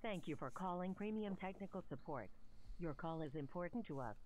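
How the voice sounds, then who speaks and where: A man's voice: sits high, animated, a little fast, a little mellow, faint music behind. A man's voice in a recorded phone hold message, reading a polite, scripted announcement in evenly repeated phrases. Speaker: automated phone line announcer. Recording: muffled phone line with faint hiss.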